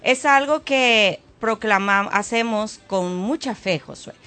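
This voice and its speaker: Female radio co-host, slightly high voice, encouraging and faith-filled, casual studio chat. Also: slow pace, pushed and bright.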